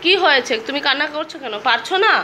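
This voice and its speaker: A woman's voice: high voice, rapid-fire, very noisy. A woman talking to her toddler at home in a coaxing, sing-song way, asking the same questions again and again. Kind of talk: home vlog baby talk.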